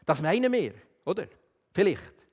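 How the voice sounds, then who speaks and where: A man with a Swiss German accent preaching a sermon, swinging between loud emphasis and quiet, intimate address. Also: high-pitched, sing-song, moderate pace, big-room sound.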